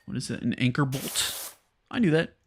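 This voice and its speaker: A man's voice: mid-range voice, lively intonation, moderate pace, slight background noise. A man streaming a game, chatting casually and muttering to himself as he plays. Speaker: gaming livestreamer. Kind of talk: casual gameplay commentary.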